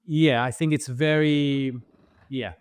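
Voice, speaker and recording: A middle-aged man speaks slowly in a medium-pitched, clean voice with fairly even intonation, recorded dry at studio quality. Israeli-accented and thoughtful, he's a franchise founder guesting on a podcast interview, his story punctuated by frequent fillers and restarts.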